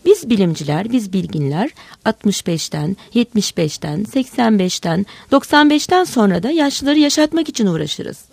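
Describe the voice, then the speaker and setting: A woman's voice: mid-range voice, sing-song, moderate pace, creaky, a little mellow, husky, no room sound, heavily acted. A woman reading aloud voices a pompous male scientist leading a chorus, declaiming in a lecturing tone.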